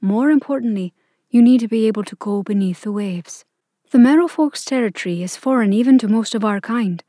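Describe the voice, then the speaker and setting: A woman's voice: a little high, fairly quick, mellow, dry recording, natural voice. A stoic fairy queen issues firm, clipped orders in a storybook reading, as a woman puts her on. Her voice is raised and sounds dry and close. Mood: commanding.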